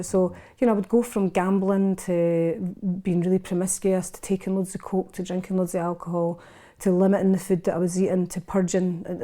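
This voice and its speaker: A Scottish woman in her fifties speaks as a podcast guest, candid and unguarded as she tells her own story. Her voice sits low and mellow, and she often stops and restarts mid-sentence. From Scotland. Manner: frank and unguarded, with frequent restarts. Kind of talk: candid personal storytelling in a casual interview.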